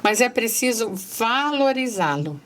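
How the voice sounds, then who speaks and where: A woman's voice: on the high side, sing-song, unhurried, a bit bright, slight background noise. A middle-aged woman with a Brazilian accent, speaking earnestly as a guest, reading passages aloud and addressing listeners directly.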